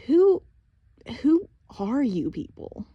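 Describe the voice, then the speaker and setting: A woman reading an audiobook, voicing an anxious, defiant girl of about twelve who talks high and insistently. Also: animated, unhurried, husky, dry recording, lo-fi sound. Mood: startled.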